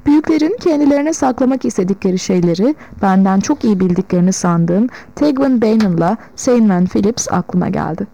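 Mellow woman narrating a novel. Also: medium pitch, dry recording, rough recording. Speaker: audiobook narrator. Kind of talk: first-person literary narration.

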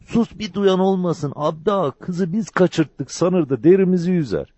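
A grieving village mother pleads and wails through her tears, as a male storyteller puts her on. Her voice rides high and breathy, swinging widely in pitch. The recording is dull and dry, like an old audiobook. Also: animated, normal speed, warm tone, no echo. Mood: anxious. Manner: wailing, pleading through sobs.

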